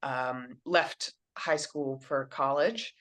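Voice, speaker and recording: A woman's voice: rumbling low, slow pace, fairly bright tone. A woman in her thirties from Kentucky, a children's book author answering interview questions and explaining things simply. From Kentucky, USA.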